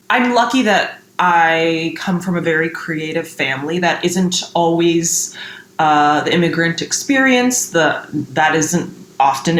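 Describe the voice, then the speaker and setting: A chatty woman from the United States talks through a casual interview, laughing often and filling pauses with "like" and "um". Her voice sits a little low. It rings with a roomy echo, and a faint hiss runs underneath. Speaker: guest.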